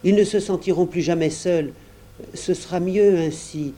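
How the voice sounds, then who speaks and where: A man's voice: high voice, moderate pace, mellow, pitched above the performer's own voice. A man voicing a small, sad girl whose voice fades to a murmur. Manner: faint, fading to a murmur. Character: little dark-haired girl, fragile and sad.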